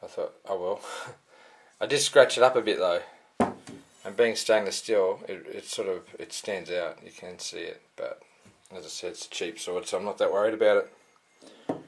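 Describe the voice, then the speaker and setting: A man's voice: deep voice, steady tone, normal speed, gravelly, a little hiss or hum. A man giving a casual, rambling product review with many fillers and restarts. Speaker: sword reviewer.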